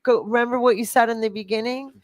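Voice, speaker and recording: A middle-aged woman hosting a fitness podcast, talking in a rambling, animated way with lots of fillers and restarts. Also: a little high, fast talker. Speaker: fitness coach and podcast host. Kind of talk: casual podcast chat.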